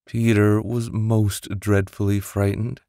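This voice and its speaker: Here a man's fairly low, warm voice moves slowly and keeps a level tone, with no room sound. He narrates a bedtime story theatrically and expressively on a close studio condenser mic, adding whispers and sound-effect voices.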